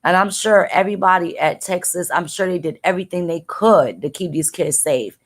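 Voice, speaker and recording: Tearful mother on a livestream, low-pitched, halting, repeats herself, upset and angry. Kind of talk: emotional live-stream talk.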